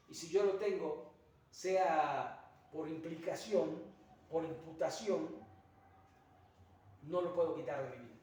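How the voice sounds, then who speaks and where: A man's voice: a little high, darkish tone. A man with a Mexican accent preaching a sermon as pastor, earnest, with rhetorical asides and frequent hesitant fillers. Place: church sanctuary. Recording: very echoey church from a distance.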